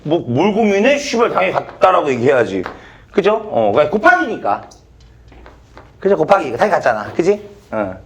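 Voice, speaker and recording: A man's voice: a little high, very animated, brisk. A male math teacher giving a classroom lecture, blunt and swearing casually as he quizzes students.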